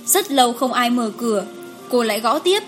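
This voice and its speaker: Woman narrating a story over soft music. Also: on the high side, normal speed. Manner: steady storytelling reading. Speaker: audiobook narrator. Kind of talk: scripted narration.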